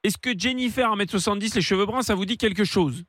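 Man, prank caller, indignant and pompous, fast, high, dry. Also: fairly bright tone, dry recording. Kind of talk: comic prank call.

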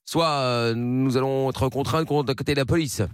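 A man's voice: medium pitch, steady tone, normal speed, clean tone, no room sound. A man hosting a radio prank call, posing as a polite toll official and hesitating with lots of fillers. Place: radio studio.

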